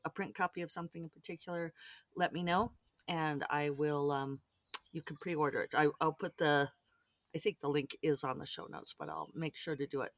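A rambling, friendly podcast host chats straight to listeners in a casual solo update, circling back and restarting thoughts as they go. The voice sits at a middling pitch, recorded close and dry with no room sound. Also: a bit bright, dry recording. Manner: rambling and chatty, with frequent restarts. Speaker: author hosting own podcast.

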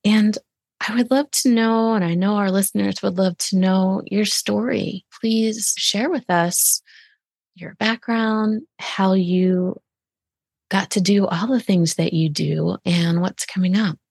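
A woman's voice: mid-range voice, fairly even intonation, takes it slowly, creaky, a little mellow, breathy edge, dry recording, clean studio sound. A middle-aged woman hosting a podcast interview, effusive and affirming, often repeating phrases for emphasis. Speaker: podcast host. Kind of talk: warm interview chat.

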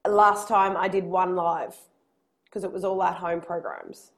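An Australian woman, a personal trainer, chatting casually on a podcast. Her voice carries strongly, as though projected to the back of a room, and she talks with lively energy. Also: fairly low pitch. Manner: lively and quick when excited.

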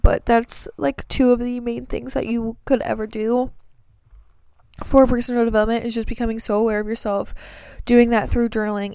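A woman's voice: a little high, mellow, smooth, dry recording, studio quality. A young woman chatting to camera about her life, earnest and sleepy, with many fillers. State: sleepy, yawning. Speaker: vlogger giving breakup advice. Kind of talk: casual chat to camera.

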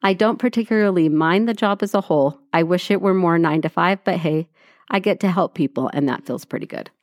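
A woman's voice: lowish voice, a little fast, no room sound. A woman co-hosting a podcast, reading a blog aloud to her co-hosts in a dry, wry way, sometimes correcting herself. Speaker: podcast co-host.

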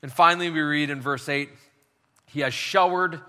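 A man delivers a sermon with a strikingly bright, forceful tone. He preaches emphatically and leads his listeners in call and response. His voice carries a long reverb, as in a large hall. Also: fairly high pitch, moderate pace. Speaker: pastor.

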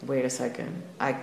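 Her voice is extremely low and creaky. She's a young adult from Lima, Peru, appearing on a podcast as a traveler and recounting personal stories casually in an echoey room with faint ambient noise.

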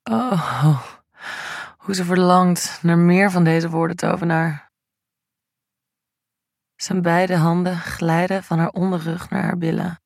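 A man narrating an erotic audio story in a slow, even, intimate reading. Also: high voice, creaky, no echo, studio quality.

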